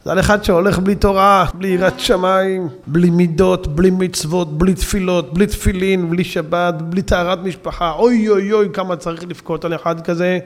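A high-pitched male preacher delivers a sermon in a long-reverb hall. He tells his story with emphatic swings, rising to loud peaks and then dropping back to speak directly to the congregation. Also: fairly even intonation, hardly any pauses. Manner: addresses audience as "gentlemen". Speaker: rabbi preacher. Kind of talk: Hebrew Torah sermon.

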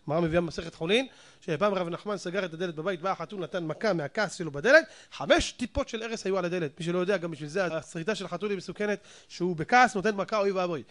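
A man preaching, telling a story in a lively way and addressing the audience directly. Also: high-pitched. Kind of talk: animated sermon storytelling.

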